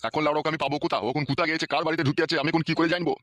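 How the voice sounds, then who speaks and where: A man's voice: a little high, level tone, racing, a bit bright, natural voice. A man playing a crude, grumbling old father-in-law in a cartoon, swearing as he talks. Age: older. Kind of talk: cartoon voice acting.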